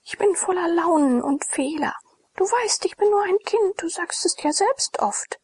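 A woman voicing a tearful, devoted young slave girl in a whispered role-play with a high, pleading whisper. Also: expressive, moderate pace, no room sound.

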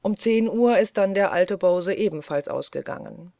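A woman reading the lines of an old, fussy British colonel in an audiobook, earnest and softly pleading. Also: mid-range voice, lively intonation, moderate pace, vocal fry, dry recording, studio quality. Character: elderly male British colonel, gentle, fussy.

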